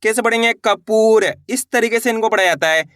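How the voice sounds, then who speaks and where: A man's voice: high voice, fast talker, sharp tone, no echo. Male teacher, patient spoken lesson, stretches long vowels, repeats every word, dry close sound. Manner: repeats each word after "how will we read it?". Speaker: Hindi reading teacher.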